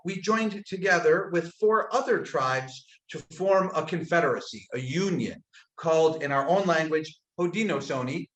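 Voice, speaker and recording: Soft-spoken man with frequent pauses, echoey room. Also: fairly high pitch, highs cut off. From upstate New York, United States. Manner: thoughtful, many "uh" pauses, soft trailing phrase ends. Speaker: guest storyteller. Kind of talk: casual storytelling talk on a webinar. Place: indoors, abroad in Croatia.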